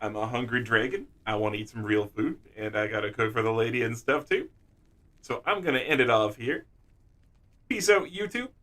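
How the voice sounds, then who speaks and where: A man's voice: mid-range voice, brisk, fairly bright tone. A man casually commenting on his game for a live stream, joking with his chat. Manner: playful, jokey, talks to chat.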